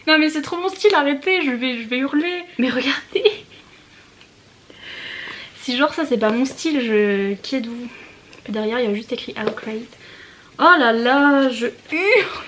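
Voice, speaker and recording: Gushing young woman, slightly high voice. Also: normal speed, long pauses, a bit bright, slight background noise. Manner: gushing, giggly, mixes English words into French. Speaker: book vlogger. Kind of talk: excited unboxing chat.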